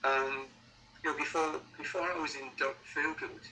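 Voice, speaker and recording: A middle-aged or older man with a Sunderland accent, chatting casually as an interviewed musician, halting and repeating words as he thinks. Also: on the high side, fairly even intonation, pushed and bright, a little hiss or hum, low-quality recording. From Sunderland, North East England.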